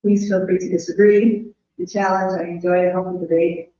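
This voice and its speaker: A woman delivers an earnest academic presentation, her voice going hoarse. She builds her points in measured lists. The audio is roomy and dull, like a remote call. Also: lowish voice, level tone, dark tone. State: losing her voice. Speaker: invited speaker.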